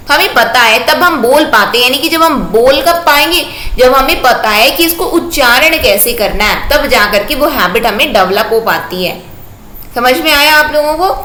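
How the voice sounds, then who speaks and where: A woman's voice: high-pitched, bright, forceful tone. A woman teacher giving an exam-prep lecture, repeating her points and asking rhetorical check questions. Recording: echoey room with faint noise.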